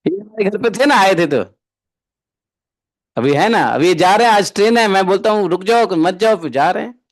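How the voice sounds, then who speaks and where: A man's voice: high voice, animated, normal speed. A man giving a devotional discourse as a spiritual teacher, bantering and often asking his listeners rhetorical questions.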